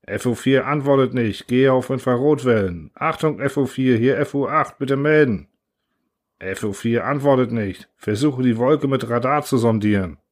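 A man's voice: medium pitch, moderate pace, natural voice. A man reading a storybook voicing a male pilot calling in terse radio reports. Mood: tense. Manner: clipped radio-call phrasing.

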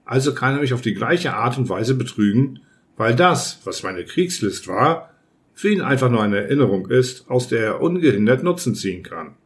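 A man narrating an audiobook in the first person, telling the story with lively acted shouts. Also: mid-range voice, moderate pace.

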